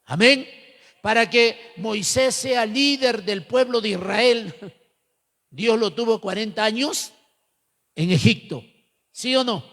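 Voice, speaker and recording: A man with an Ecuadorian accent preaching a storytelling sermon, animated, calling listeners brother and rising to shouted fervor. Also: high voice, slow, creaky, long pauses. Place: church hall. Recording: long hall reverb.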